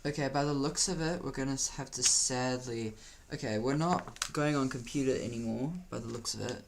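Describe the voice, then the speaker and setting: Gravelly and medium-pitched, this man's voice moves a little fast over slight background noise. He's a YouTube host from South Africa giving loose, jokey commentary on his screen play, full of teasing slang.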